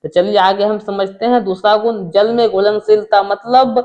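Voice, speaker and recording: Male tutor, higher voice, poses questions then answers them, muffled sound. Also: fairly even intonation, moderate pace, a little mellow. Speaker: teacher. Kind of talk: exam-prep chemistry lesson.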